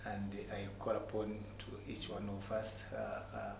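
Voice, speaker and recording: Man, Ugandan accent, low-pitched, motivational storyteller, halting emphatic repetition, reverberant room, noticeable background noise. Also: very animated, vocal fry. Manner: halting, repeats words for emphasis. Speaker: entrepreneur guest telling his story. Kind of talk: motivational personal storytelling in an interview.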